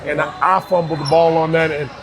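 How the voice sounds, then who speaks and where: A Barbadian youth basketball coach in his thirties speaks earnestly in a casual interview, often restarting his words. His voice is fairly high and a bit bright, with a level tone and a slightly fast pace.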